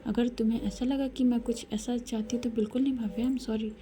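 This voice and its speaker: A woman voicing an eager, apologetic young woman lover in a whispered role-play, with hushed whispering. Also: a little high, fairly even intonation, fairly quick, slight background noise, lightly acted.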